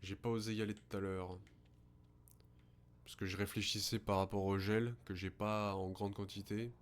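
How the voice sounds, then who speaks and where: A man's voice: fairly low pitch, moderate pace. A man commentating a horror game as a scared streamer, swearing and muttering to himself. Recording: steady background noise with hum.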